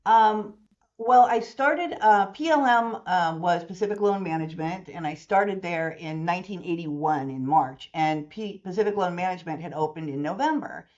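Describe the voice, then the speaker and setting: Lively low-voiced woman telling stories. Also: normal speed, lo-fi sound. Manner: animated storyteller who acts out quoted dialogue. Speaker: mortgage services company owner, interview guest. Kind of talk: long-form interview, storytelling.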